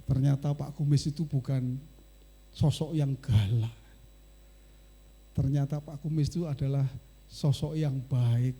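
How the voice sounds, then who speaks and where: A male pastor, preaching a sermon as a lively storyteller who keeps addressing the congregation. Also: medium pitch, unhurried, long pauses, slightly rough.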